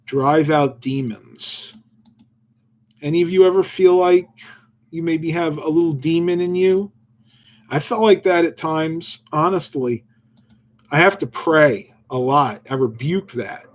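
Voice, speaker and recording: On a casual devotional livestream, a man with a fairly high voice reads Bible verses aloud at a measured pace. He then muses loosely on them, using plenty of fillers, and takes questions from viewers.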